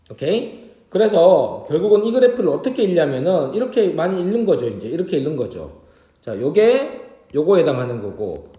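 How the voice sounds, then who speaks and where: A man teaches an exam math problem in a slightly high, lively voice that rises and falls a lot. He draws at the board as he talks and keeps checking in with his students through quick tag questions. The sound is roomy, with a noticeable echo from the classroom. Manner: talks while drawing graphs on a board. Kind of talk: exam problem walkthrough lecture.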